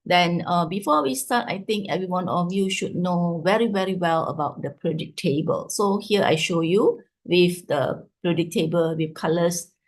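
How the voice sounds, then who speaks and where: Husky Malaysian woman teacher switching English and Malay. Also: fairly low pitch, normal speed, few pauses. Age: 50s or older. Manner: switches between English and Malay mid-talk; checks in with tags like "right", "ya", "lah". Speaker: chemistry teacher giving an online revision class. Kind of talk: informal online lesson. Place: online video call with screen share.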